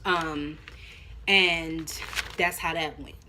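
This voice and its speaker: A woman's voice: low voice, fairly even intonation, very slow, pushed and bright, a little hiss or hum. A woman reviewing a TV episode in a casual recap, talking bluntly and cursing freely as she walks through the plot. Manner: candid, profane, slangy commentary. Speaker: TV show reviewer.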